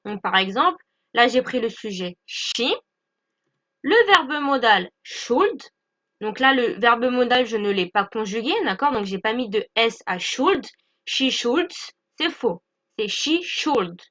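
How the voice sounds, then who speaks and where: A woman's voice: high voice, bright, forceful tone. A woman explaining an English grammar lesson, patient and repetitive, checking in often with her listeners. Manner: patient, repeats points with "d'accord?" checks. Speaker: English teacher. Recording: dull lo-fi recording.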